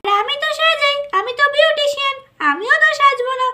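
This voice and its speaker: A woman doing squeaky little girls playing. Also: fairly quick, pushed and bright, slight background noise. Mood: bossy. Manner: chattering, pleading, singsong. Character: bossy playful little girls. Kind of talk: doll play storytelling.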